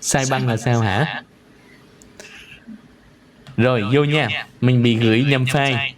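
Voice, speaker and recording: A man's voice: mid-range voice, fairly even intonation, a little hiss or hum. Man drilling pronunciation. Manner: drills words slowly and repeats them many times. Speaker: English pronunciation teacher. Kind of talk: live online pronunciation lesson.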